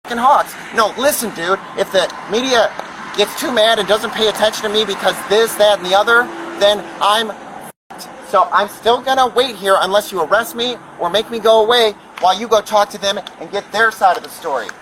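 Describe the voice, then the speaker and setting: A man's voice: sits high, a little fast, background noise. A man arguing as a street protester, agitated and swearing, talking over the other speaker. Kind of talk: heated argument.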